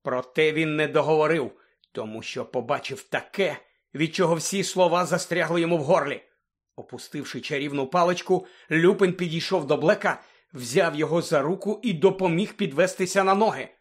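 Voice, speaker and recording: A male audiobook narrator telling a novel with dramatic expression. His voice sits a little high and shifts in pace and volume with the story. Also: a little fast.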